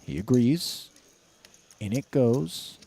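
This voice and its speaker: A man's voice: mid-range voice, slow, creaky, warm tone, slightly rough. A man commentating on live poker from a booth, mixing hand calls with dry, wry banter. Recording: faint background noise and clicks.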